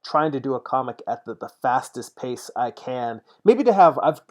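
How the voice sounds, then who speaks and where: A man's voice: mid-range voice, lively intonation, moderate pace, darkish tone. A man in his forties chatting casually as he paints on a livestream, thinking aloud and answering viewer comments. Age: 40s. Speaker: digital painter streaming his work.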